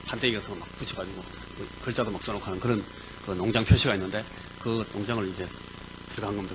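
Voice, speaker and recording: Korean pastor telling a vivid story. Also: male voice, medium pitch, noisy background. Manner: animated storyteller, vivid sound words. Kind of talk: sermon storytelling. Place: church.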